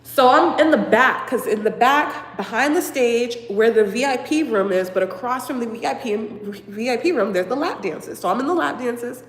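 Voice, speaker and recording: A young woman from Boston tells a story in a chatty, animated way, filling her sentences with likes and ums. Her voice sits slightly high for a woman. The room around her is echoey, with a long, trailing reverb. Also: moderate pace, hardly any pauses. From Boston, USA. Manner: chatty and animated, many fillers and laughs. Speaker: vlogger. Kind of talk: casual storytime.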